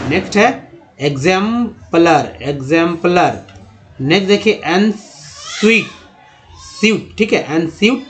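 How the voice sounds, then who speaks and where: High-voiced man sounding out English words. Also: fairly bright tone. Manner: sounds words out syllable by syllable, repeating each. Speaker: English teacher. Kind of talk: slow word-by-word pronunciation lesson.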